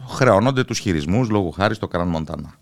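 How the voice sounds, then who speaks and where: A man hosting a political interview, putting formal questions in measured, articulate language. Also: deep voice, animated, dry recording, studio quality. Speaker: interviewer, host.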